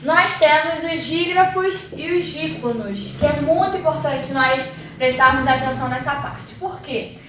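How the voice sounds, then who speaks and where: A woman's voice: high-pitched, a little slow, fairly bright tone, slight background noise. Brazilian woman, teacher, patient step-by-step explaining; recorded from a distance in a very echoey room. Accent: Brazilian Portuguese. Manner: explanatory, checks in with tags like "tá?" and "ok?". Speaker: Portuguese teacher. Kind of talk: classroom lesson. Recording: very echoey room, mic far off.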